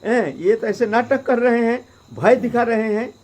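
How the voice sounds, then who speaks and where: A man acting out the words of an elderly saint in a sermon story, raised and animated. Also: extremely high pitch, unhurried, pitched above the performer's own voice.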